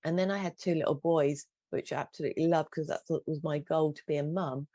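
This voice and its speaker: A middle-aged woman recounts her life story as a guest coach on an interview show. Her voice is mellow and unhurried in its earnestness, with frequent restarts. The recording is dry, with little room sound. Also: low-pitched, fairly even intonation, dry recording.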